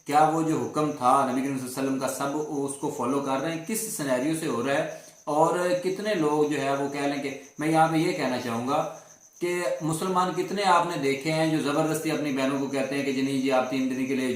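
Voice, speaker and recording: A man from Pakistan comments on a clip in a mid-pitched, rambling voice, pausing often and filling the gaps. His room rings with heavy echo. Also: fairly even intonation. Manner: rambling, hesitant, many fillers. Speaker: reaction video host. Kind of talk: reaction commentary. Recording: echoey room.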